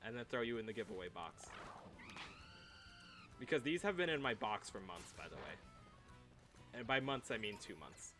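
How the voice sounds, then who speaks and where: Playful young male streamer, bright voice. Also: medium pitch, very animated, moderate pace, long pauses, faint music behind. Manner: playful, chatty, reads chat aloud, frequent laughs. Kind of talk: casual livestream chat.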